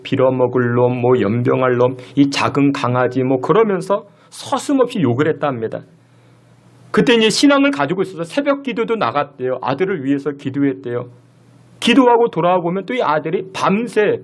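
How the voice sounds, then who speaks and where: A middle-aged man preaching a sermon as pastor in a church, telling a story and asking the congregation questions. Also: on the high side. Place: church sanctuary.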